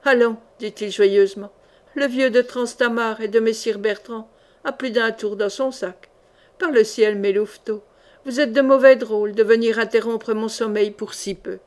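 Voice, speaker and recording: A woman's voice: on the high side, fairly even intonation, normal speed, close to an everyday voice. A woman voicing an old male soldier, boastful and fearless, who taunts his attackers in an audiobook reading. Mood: gleeful. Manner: mocking, swaggering taunts.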